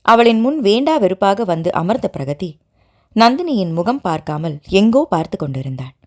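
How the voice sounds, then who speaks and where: A woman narrating a family novel in a steady storytelling reading. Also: mid-range voice, moderate pace. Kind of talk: scripted narration.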